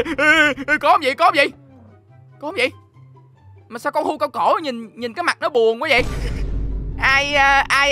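Young Southern Vietnamese male gamer, rapid, bright and punchy, chatty and teasing with viewers. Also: very high voice. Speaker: gaming YouTuber. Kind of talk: let's-play commentary.

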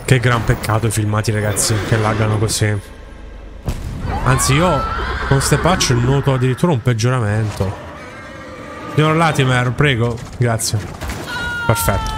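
A man giving casual commentary over his own gameplay, reacting loudly and talking to the characters on screen. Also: mid-range voice, very noisy. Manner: excitable, talks to the game and its characters. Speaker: gaming YouTuber. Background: game music.

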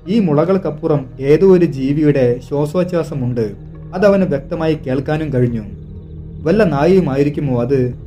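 A man narrating a tense hunting story in a suspenseful, hushed storytelling manner. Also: a little high. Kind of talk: dramatic scripted narration. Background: soft background music.

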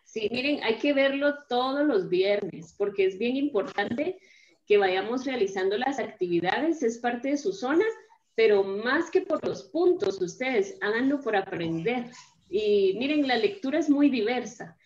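A woman's voice: fairly high pitch, animated, unhurried, a little mellow, roomy sound, lo-fi sound. A woman teaching a primary school class online. She explains things patiently, step by step, and keeps checking in with her pupils.

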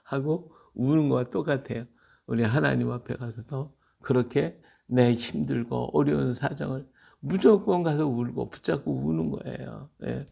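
A man's voice: medium pitch, moderate pace, vocal fry, warm tone, husky. A man giving a conversational sermon on a Bible reading, speaking earnestly and repeating phrases for emotional emphasis. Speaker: Bible teacher.

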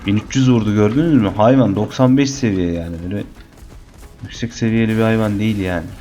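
A young man casually narrating his own gameplay, chatty and teasing the creatures on screen, getting excited during fights. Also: fairly low pitch, quick pace. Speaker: gaming channel host. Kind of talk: casual let's-play commentary.

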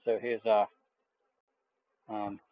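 A man with a lowish voice talks very slowly during a live beekeeping stream, relaxed and hesitant, leaning on many fillers as he goes through a hive outdoors. Recorded off frame on a camera mic, the sound is muffled but free of echo.

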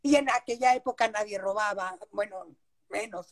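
An older woman with a Mexican accent, recalling her childhood as an interview guest over a video call, in a warm, nostalgic storytelling manner. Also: mid-range voice, normal speed. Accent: Mexican Spanish. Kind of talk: casual reminiscing.

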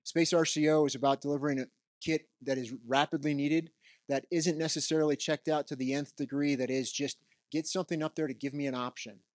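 A middle-aged man delivers an unscripted keynote in a conference hall, talking conversationally into a handheld mic while he roams the stage. His voice sits a little high, with fairly even intonation and a fairly quick pace. He keeps tagging his points with "right?"

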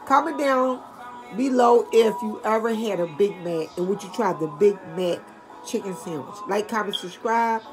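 An older woman reviewing fast food in casual chat, talking straight to her viewers. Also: medium pitch, soft background music. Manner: chatty, talks straight to viewers.

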